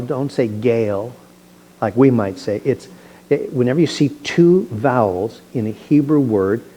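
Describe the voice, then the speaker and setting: Mellow-voiced pastor teaching scripture. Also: male voice, mid-range voice, a little hiss or hum, poor audio. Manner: conversational, explanatory asides. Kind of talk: verse-by-verse Bible teaching. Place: church sanctuary.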